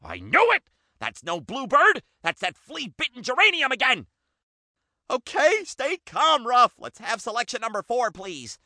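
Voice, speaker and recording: A man voicing an excitable male dog who hosts a bird show, hammy and quick to lose his temper. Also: very high voice, dry recording, exaggerated voice. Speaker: show host. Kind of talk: cartoon voice acting.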